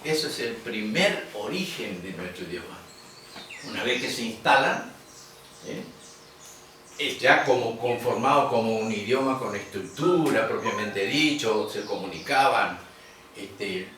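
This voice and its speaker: A middle-aged man lectures a class, filling sentences with quick checks for understanding. He is caught from across a very echoey room, his voice distant, with a faint hiss underneath. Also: medium pitch, a bit bright. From Corrientes, Argentina. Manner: explanatory, frequent tag questions. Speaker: language teacher. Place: large echoey room, museum workshop. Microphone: far camera.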